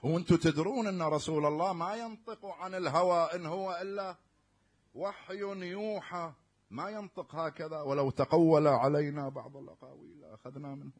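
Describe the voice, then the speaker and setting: A man with an Iraqi Arabic accent delivers a sermon in a husky, slightly high voice. He leans hard on key words, then sinks to near-murmurs. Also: fairly quick. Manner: emphatic, swinging from loud stresses to near-murmurs. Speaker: preacher.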